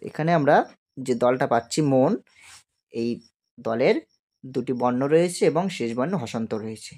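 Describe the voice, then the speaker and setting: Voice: mid-range voice, moderate pace, a little mellow. A teacher giving a recorded grammar lesson to school students. They explain step by step, ask questions and answer them, and slip English words into the explanation.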